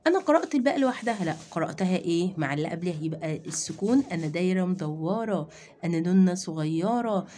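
A woman's voice: fairly low pitch, expressive, dark tone. Egyptian woman teaching children to read. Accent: Egyptian Arabic. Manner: explains step by step, asking and answering her own questions; sounds out letters slowly and drawn out. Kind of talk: children's reading lesson.

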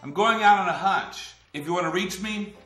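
An actress playing a sheriff who speaks in a wry, knowing, drawn-out way. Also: female voice, medium pitch, fairly bright tone, soft background music, lightly acted. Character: wry, knowing female small-town sheriff. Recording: roomy, echoey room.

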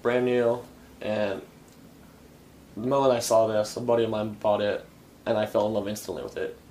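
Young adult male, slightly low register, enthusiastic informal product reviewer, garage recording with light background noise. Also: steady tone, normal speed, darkish tone. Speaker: hookah reviewer. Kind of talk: casual product review chat. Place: garage workshop, indoors. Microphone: camera a few feet away. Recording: faint background room noise.

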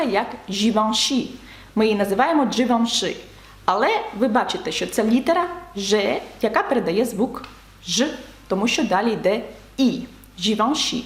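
A woman teaching a beginner language lesson, patiently spelling out letters and repeating example words slowly. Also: fairly high pitch, echoey room.

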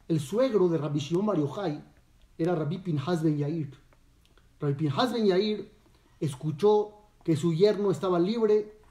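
High-voiced rabbi telling a story. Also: male voice, warm tone. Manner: storytelling, asks listeners questions. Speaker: rabbi teaching a class. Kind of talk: Torah lesson. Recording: echoey room, distant mic.

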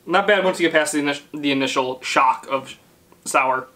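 A man's voice: a little high, moderate pace, pushed and bright. Man, thirties, casual taste-test host, speaking with sour candy in his mouth, living-room camera sound. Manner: talking while eating sour candy, candy in mouth. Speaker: YouTube host and father. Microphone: camera mic a few feet away.

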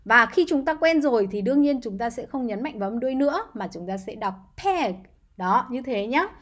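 A woman's voice: on the high side, animated, brisk. A woman teaching English words to young children, spelling each one letter by letter and coaxing them to repeat after her. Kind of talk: slow, patient spelling lesson.

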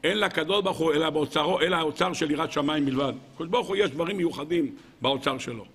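Man, rabbi, sermon, high voice, bright tone, animated, questions to the audience. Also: slightly rough. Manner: animated preaching, swinging from loud exclamations to soft asides.

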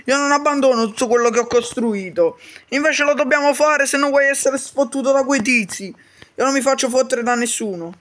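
A man voicing several characters in a comedic game role-play, bickering quickly with frequent swearing and shouty outbursts. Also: very high-pitched. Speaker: YouTuber voicing all characters.

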